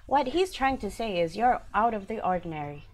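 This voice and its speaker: A woman's voice: mid-range voice, big pitch swings, fairly quick. Woman gamer on a noisy recording. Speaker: tabletop game player. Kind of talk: casual game chat and banter.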